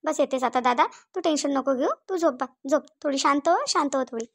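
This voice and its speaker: A woman's voice: sits high, fairly quick, vocal fry, fairly bright tone. A woman voicing a fussy middle-aged village mother with a Varhadi Marathi accent, who talks repetitively and keeps adding tag questions. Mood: soothing.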